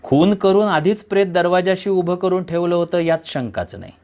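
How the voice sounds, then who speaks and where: A man's voice: high voice, animated, normal speed, darkish tone. Man reading a suspenseful thriller story. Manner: suspenseful second-person narration. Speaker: reader. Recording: dull lo-fi recording.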